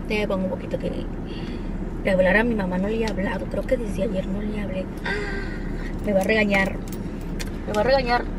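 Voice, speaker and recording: A woman's voice: mid-range voice, expressive, moderate pace, pauses often, heavy background noise. A Mexican woman chatting casually in a vlog, talking to her dogs in squealy baby talk, filmed on a handheld phone in a car and a sunny yard. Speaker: vlogger.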